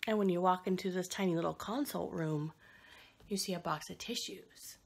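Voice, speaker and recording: Podcast host, young woman, low-ish voice, animated and profane storytelling, close mic. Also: creaky, slightly rough. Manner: candid, profane, animated retelling with quick asides. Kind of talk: personal storytelling.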